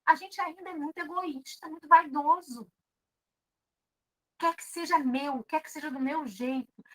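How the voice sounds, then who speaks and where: A woman's voice: high voice, sharp tone, poor audio. A middle-aged woman with a Brazilian Portuguese accent giving a devotional talk at a spiritist seminar, intimate and pleading, speaking straight to her listeners. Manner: intimate, pleading, addresses audience directly.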